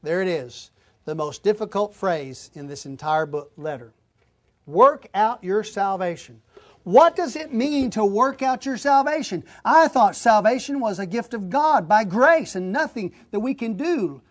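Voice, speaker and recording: A man's voice: high voice, lively intonation, normal speed. A man preaching an expository sermon, reading scripture aloud and then explaining it plainly to his listeners, whom he calls folks.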